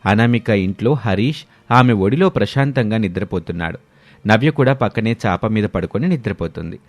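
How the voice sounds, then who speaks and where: A man narrating a moral storybook in a steady, expressive way. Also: on the low side, moderate pace, no room sound.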